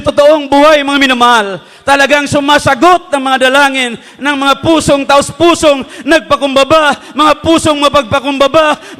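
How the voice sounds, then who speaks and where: A woman preaching a fervent sermon, her voice ringing through a hall with a long echo. She keeps addressing her listeners as beloved and urges them to shout praise. Her delivery swings from loud, high exhortation to hushed, low storytelling. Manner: calls the crowd to shout praise.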